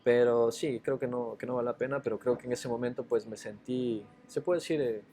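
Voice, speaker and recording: A man's voice: medium pitch, fairly even intonation, brisk, dark tone, slight background noise. A man from Ecuador with an Ecuadorian accent, a former footballer answering interview questions hesitantly, with many fillers and repeated words. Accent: Ecuadorian Spanish.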